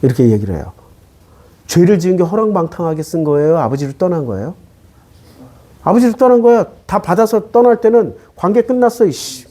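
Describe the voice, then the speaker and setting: A male pastor preaching with a mellow, warm tone and a pitch that leaps up and down. He fires questions at his listeners and answers them himself, moving between everyday speech and solemn readings of scripture. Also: very animated, fairly quick. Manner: swings between raised and low, soft phrases; plain, casual speech mixed with formal scripture reading. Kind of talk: sermon.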